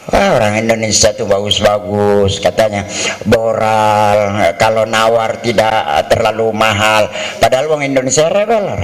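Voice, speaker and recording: A man's voice: medium pitch, rough recording. A middle-aged man giving a humorous lecture to pilgrims as a hajj instructor, acting out quarrels and bargaining. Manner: lively, acts out quarrels and bargaining in mock voices.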